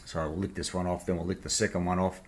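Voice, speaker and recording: A man's voice: low-pitched, level tone, quick pace, breathy edge. An Australian man hosting a casual hands-on video in his workshop, explaining the job in a laid-back, blokey, informal way. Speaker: host of a machining project video series. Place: home workshop.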